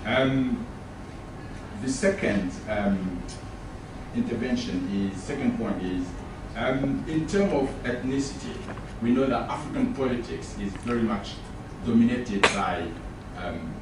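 A man with an Ivorian accent putting a formal question from the floor in a halting, hesitant way. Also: medium pitch. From Côte d'Ivoire. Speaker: audience member asking questions. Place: echoey room at a public talk. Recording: very echoey, distant, noisy room pickup.

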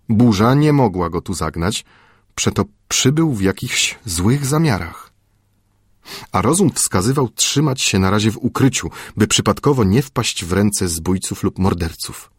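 A middle-aged male audiobook narrator reads a classic adventure tale in a measured, steady way. His voice sits low with a husky grain, and the recording is dry and close with no room sound. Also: no room sound. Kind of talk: scripted literary narration.

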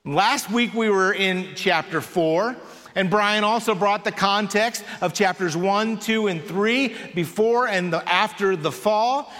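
A man preaching a sermon in a church in an unhurried, conversational way with dry touches of humor. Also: high-pitched, fairly bright tone. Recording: long reverb of a large hall.

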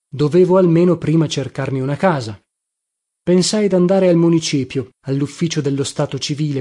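Male audiobook reader, fairly high voice, mellow tone, measured and reflective first-person narration. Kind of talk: scripted literary narration.

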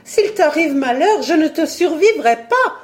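A woman reading a novel aloud, voicing a young woman in love who pleads in high, breathless tones. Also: expressive, a little slow, darkish tone, faint music behind. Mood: anguished.

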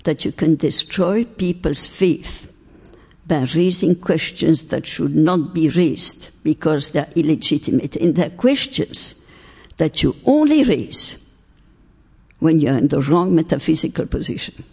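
Here an older woman lectures in a hall, her low voice animated, a little mellow, and slightly rough. French is her first language, and her talk on faith and philosophy is deliberate and emphatic, with key words drawn out under long hall reverb.

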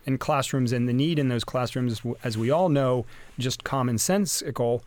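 A man's voice: mid-range voice, moderate pace, a little mellow. A man speaking as a university representative on a radio show, rambling a bit, with many fillers and restarts. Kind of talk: radio interview.

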